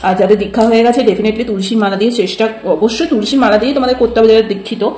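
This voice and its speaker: A woman host giving a casual chatty lesson on chanting with a prayer-bead string. She explains step by step, mixes in English words and keeps asking if things are clear. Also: on the high side, a little hiss or hum. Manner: chants the mantra softly and quickly. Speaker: spiritual teacher, channel host. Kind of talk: casual instructional talk on chanting. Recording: echoey room with faint ambience.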